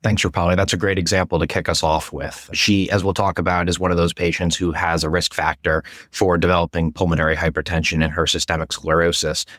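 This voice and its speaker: A man who is a pulmonary fellow, co-hosting a medical education podcast and explaining clinical points in a measured way. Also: low voice, level tone, a bit bright, no echo, clean studio sound.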